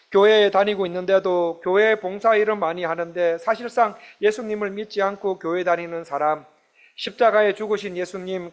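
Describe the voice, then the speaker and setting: A man preaching a sermon as pastor, impassioned, often acting out the voices of the people he speaks about. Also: high voice. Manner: impassioned, dramatically voices Jesus and disciples.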